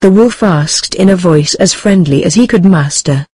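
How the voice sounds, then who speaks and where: A woman narrating a storybook tale in a soft, even reading voice. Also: on the low side, normal speed, husky, no echo.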